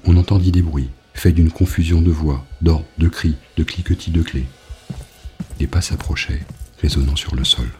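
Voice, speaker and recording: A man reading an audiobook novel in a grave, measured narration. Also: rumbling low, steady tone, darkish tone.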